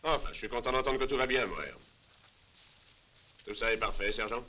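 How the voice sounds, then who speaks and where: A man's voice: mid-range voice, fairly quick, sharp tone, a little hiss or hum, close to an everyday voice, low-quality recording. A man playing a confident army captain in a dubbed adventure film, with a clipped, authoritative way of speaking. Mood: composed, assured. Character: confident, resolute army captain addressing his men.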